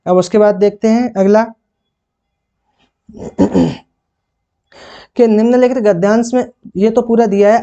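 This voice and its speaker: A man teaching for a Hindi exam. He asks questions and answers them himself, and repeats and rereads phrases slowly. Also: sits high, mellow. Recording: dull lo-fi sound.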